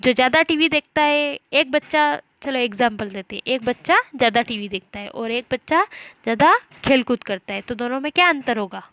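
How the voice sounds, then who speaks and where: A woman teaching a primary school class, reading words slowly syllable by syllable and asking the children questions. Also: high voice, lively intonation, fairly bright tone, highs cut off. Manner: slow, syllable-by-syllable reading drills with repeated questions. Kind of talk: online class lesson.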